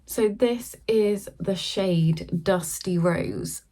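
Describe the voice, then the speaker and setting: A middle-aged woman chatting through a casual yarn haul, filmed on her phone at home and sometimes talking softly so a sleeping baby stays asleep. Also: mid-range voice, extremely slow. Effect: filmed on a phone camera. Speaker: craft vlogger.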